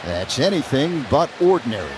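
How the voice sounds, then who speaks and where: Live on radio, an American man delivers baseball play-by-play at normal speed, his mid-range voice swinging widely in pitch. His short, clipped phrases follow each play, and the crowd ambience of the ballpark sits underneath.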